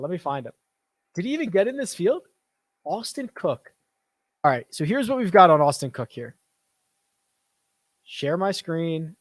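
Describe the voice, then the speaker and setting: A man's voice: sits high, no room sound. A man hosting a casual live stream, reading viewer questions aloud and answering off the cuff at his desk.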